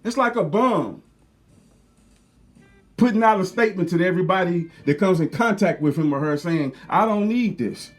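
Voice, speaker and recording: A man's voice: high voice, moderate pace, pauses often, soft background music. A man ranting heatedly to his viewers, profane, preachy and repetitive. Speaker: video commentator. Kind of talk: angry rant to camera.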